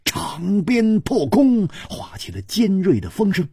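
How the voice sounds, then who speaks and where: A male storyteller reads a martial-arts novel aloud with dramatic, drawn-out phrasing. His voice is slightly husky and very unhurried, with a lively, swinging pitch. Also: dry recording, studio quality. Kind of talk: expressive novel-reading storytelling.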